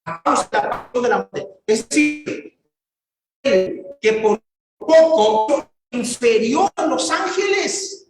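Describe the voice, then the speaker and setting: A man preaching a sermon as pastor, fervent, building to raised, drawn-out exclamations. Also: extremely high pitch, animated, soft background music. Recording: very echoey church hall.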